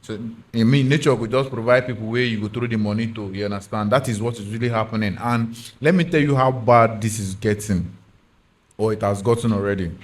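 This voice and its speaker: A man's voice: lowish voice, fairly quick. A man with a Nigerian accent giving his opinions emphatically on a podcast panel in Pidgin and English, often checking he is understood.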